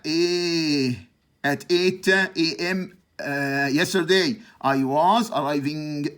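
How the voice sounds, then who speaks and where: A man's voice: a little high, fairly bright tone. A man with an Egyptian accent teaching an English grammar lesson, patiently repeating rules and asking himself questions.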